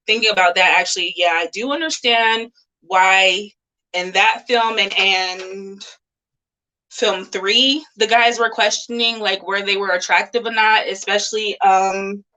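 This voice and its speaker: Woman, interviewer, bright and sharp voice, chatty and rambling, video call. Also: medium pitch, steady tone, unhurried, low-quality recording. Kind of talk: casual live interview chat.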